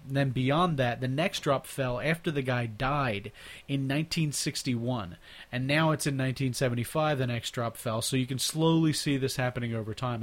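A man hosting a casual podcast, rambling and laughing often, often stumbling and repeating words as he talks. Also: medium pitch. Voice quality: natural mimic who slips into others' accents. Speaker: podcast host. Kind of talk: casual chat.

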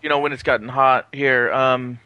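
A man hosting a podcast in a casual, halting, rambling way from his apartment. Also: medium pitch, little pitch movement, clear, resonant tone, no room sound, muffled recording. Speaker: podcast host. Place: apartment, remote recording.

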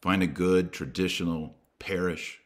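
His intonation fairly even, a deep-voiced, low-pitched man hosts a religious podcast and exhorts listeners with emphasis. Repetition, dramatic pauses, and colloquial turns of phrase mark his preachy style.

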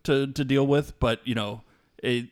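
A man's voice: mid-range voice, fairly even intonation, unhurried, no echo, clean studio sound. A man co-hosting a podcast, talking in an easygoing way with restarts. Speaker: podcast co-host. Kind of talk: casual chat.

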